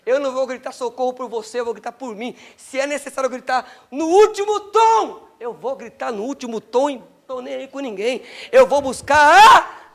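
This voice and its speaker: A Brazilian man preaching a fervent Pentecostal sermon, moving from quiet asides to rising shouts. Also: extremely high pitch, lively intonation, brisk, gravelly, hardly any pauses. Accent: Brazilian Portuguese. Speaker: pastor.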